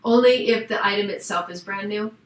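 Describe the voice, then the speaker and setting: A woman's voice: medium pitch, brisk. A woman with grandchildren who works as a marriage counselor, co-hosting a podcast and explaining things in an affirming, good-humored way. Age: middle-aged or older, has grandchildren. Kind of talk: casual chat. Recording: echoey room with faint ambient noise.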